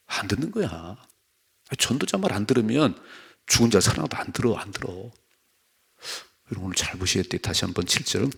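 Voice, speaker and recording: A man's voice: fairly low pitch, vocal fry, slightly rough. A male pastor preaching an early-morning sermon, reading scripture aloud and pressing the congregation with emphatic rhetorical questions. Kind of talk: dawn prayer sermon.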